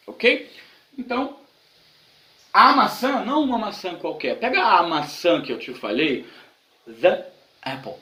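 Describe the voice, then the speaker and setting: A man's voice: high-pitched, bright, forceful tone, echoey room, rough recording. A man from Brazil teaching an online English grammar lesson, explaining patiently and repeating examples.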